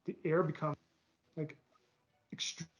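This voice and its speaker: A man narrating a tabletop game as game master over a voice call, talking haltingly with many ums, his voice cutting in and out on a bad connection. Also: fairly high pitch, little pitch movement. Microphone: computer mic on a voice call. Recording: dull lo-fi online call audio.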